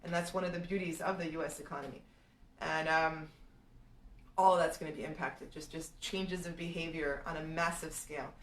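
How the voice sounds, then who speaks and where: A woman's voice: deep voice, steady tone, normal speed, a bit bright, recorded from a distance, slight background noise. A woman from Serbia answering viewers' market questions in a live stream, thinking aloud with frequent restarts. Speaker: real estate analyst answering viewer questions. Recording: echoey room, voice a bit off-mic.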